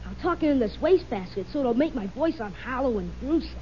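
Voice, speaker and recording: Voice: sits high, lively intonation, fairly quick, a little mellow. A performer playing a cheeky, stage-struck schoolboy with an American accent and grandiose airs in an old-time radio comedy. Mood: mischievous. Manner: grandiose, eager, theatrical. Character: Alexander, hammy, cheeky schoolboy son with theatrical airs. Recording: muffled noisy old radio recording.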